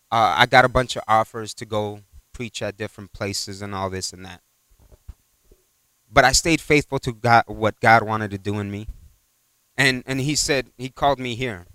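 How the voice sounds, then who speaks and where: Bright, clear-voiced man preaching casually. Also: medium pitch, no echo. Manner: rambling, full of "you know" and retold exchanges. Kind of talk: conversational sermon.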